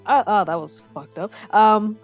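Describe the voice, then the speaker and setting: A woman's voice: medium pitch, measured pace, muffled recording, faint music behind. A sweary, laughing woman chatting casually and stumbling as she reads game lines aloud.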